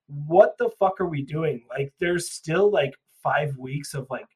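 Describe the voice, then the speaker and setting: A man's voice: fairly high pitch, a little slow, a little mellow, husky, rough recording. Swearing, rambling podcast co-host man. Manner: rambling, swears freely, laughs often. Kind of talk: casual chat.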